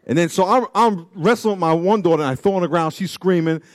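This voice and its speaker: A man of forty preaching a sermon, reading scripture and telling stories in a loose, slangy way, swinging from loud peaks to low asides. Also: fast. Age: 40s. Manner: slangy, storytelling. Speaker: pastor.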